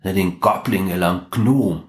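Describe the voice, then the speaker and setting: A man's voice: low-pitched, echoey room. Man improvising a bedtime story. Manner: hesitant, searching for words.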